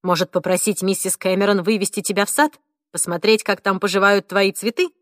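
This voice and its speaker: A woman's voice: medium pitch, steady tone, fairly quick, no echo, studio quality, natural voice. A woman reading an audiobook, voicing an exasperated middle-aged son who pleads firmly with his mother. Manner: firm, pleading, strained.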